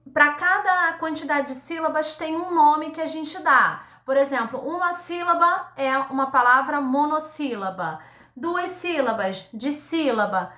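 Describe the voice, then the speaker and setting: Lady teacher talking to little kids, high bright voice, slow and patient, sounds words out, keeps saying tá?, echoey room. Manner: ends phrases with a checking "tá?". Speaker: primary school teacher. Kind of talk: recorded remote lesson for young children.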